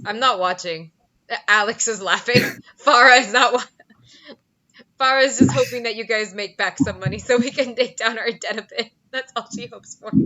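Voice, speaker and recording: Bright-voiced woman teasing from the sidelines. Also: a little high, moderate pace, dull audio, slight background noise. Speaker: onlooker. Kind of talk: casual chat.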